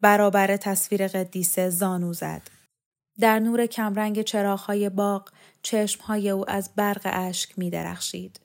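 A woman narrating a literary story in a calm, measured way. Her pitch is in the middle range. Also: gravelly. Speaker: story reader. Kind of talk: scripted narration.

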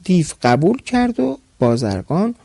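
A man's voice: sits high, very animated, creaky, mellow, dry recording. A man narrating a folk tale as a podcast storyteller.

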